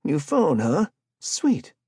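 A man's voice: fairly high pitch, wildly swooping pitch, slow, breathy edge, dry recording, studio quality, voice pushed up, heavily acted. A man voicing a menacing adult street hustler who bullies and robs, in swaggering slangy speech, for a spoken story. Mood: greedy. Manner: swaggering slangy street talk, pushy and loud.

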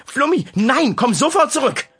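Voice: medium pitch, very animated, takes it slowly, slight background noise, pitched above the performer's own voice. A narrator voicing a harried mother of three in a children's audiobook. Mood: shouting. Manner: flustered, shouting commands.

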